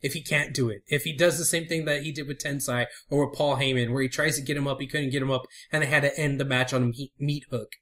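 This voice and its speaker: A man co-hosting a casual podcast, talking fast and laughing a lot as he teases his partner. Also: medium pitch. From Houston area. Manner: animated, laughs a lot, teasing. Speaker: podcast co-host.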